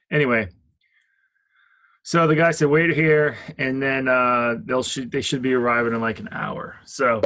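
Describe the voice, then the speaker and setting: A man's voice: mid-range voice, bright, forceful tone. A middle-aged man casually telling a story, rambling with lots of fillers and restarts. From Richmond, Virginia.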